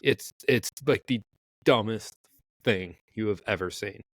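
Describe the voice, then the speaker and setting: Male co-host, deadpan teasing asides, casual sports banter, close dry mic. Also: on the low side, unhurried, no room sound. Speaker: podcast co-host.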